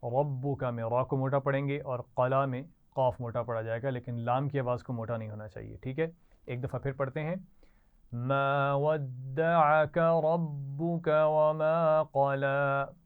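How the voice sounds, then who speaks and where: A patient recitation teacher, played by a woman, drawing each word out slowly before the class repeats it. Her voice is smooth and clear in tone but comes through a thin, phone-like line. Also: very deep voice, fairly even intonation. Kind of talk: slow call-and-response recitation lesson. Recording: tinny lo-fi online class audio.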